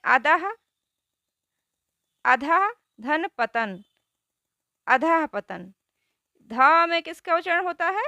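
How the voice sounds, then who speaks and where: A woman teaching a grammar lesson who asks questions and answers them herself, spelling out words slowly. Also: high voice, lively intonation, pushed and bright, dry recording.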